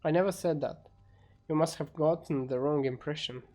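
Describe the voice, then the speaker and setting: A man's voice: fairly high pitch, moderate pace, a little mellow, natural voice. A man voicing an imperious, scheming demon lord with grandiose, stern commands in an amateur fantasy game story. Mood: dismissive.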